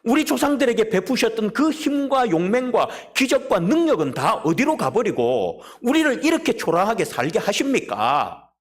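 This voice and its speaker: A man's voice: sits high, big pitch swings, normal speed, hardly any pauses. A man, a preacher acting out the inner voice of a timid young man who doubts and protests. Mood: protesting. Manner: incredulous, self-pitying, protesting.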